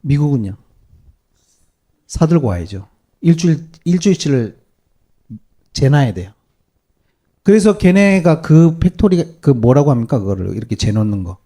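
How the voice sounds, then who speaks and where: A male pastor preaching a sermon to his congregation, animated and peppering them with rhetorical questions. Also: fairly high pitch, normal speed, long pauses. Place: church service.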